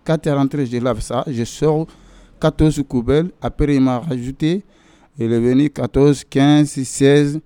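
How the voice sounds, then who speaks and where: A man speaks with a warm, darker voice in a close, dry sound. He tells his story as a worker, acting out past arguments with lively emphasis and repeating key points. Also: mid-range voice, unhurried, clear, resonant tone, dry recording. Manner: animated, re-enacts arguments, repeats himself. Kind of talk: personal testimony.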